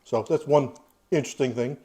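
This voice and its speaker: A man's voice: medium pitch, brisk, noisy background. Easygoing man giving a food review. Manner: easygoing, plain-spoken, opinionated.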